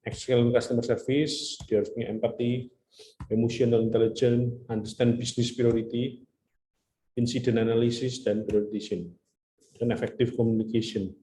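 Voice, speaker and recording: A man lectures a class in a relaxed, chatty way, dropping English terms in and telling stories from his own experience. His voice is mellow and dark. The room gives it a clear echo. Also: mid-range voice, moderate pace, slight background noise. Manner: chatty, mixes in English terms, tells anecdotes.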